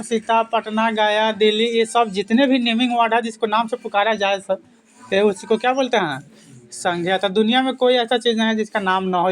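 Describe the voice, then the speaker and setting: Guy teaching exam prep, keeps asking then answering his own questions. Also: very high-pitched. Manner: quizzes listeners with repeated questions and answers; repetitive, drilling delivery. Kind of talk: exam-prep grammar lesson.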